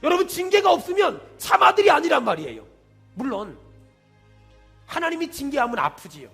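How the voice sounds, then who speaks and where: High-pitched impassioned preacher man. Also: big pitch swings, a little fast, a bit bright, faint music behind. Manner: impassioned preaching with repeated refrains; folksy storytelling, addresses congregation directly. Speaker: pastor. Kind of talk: sermon. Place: church sanctuary.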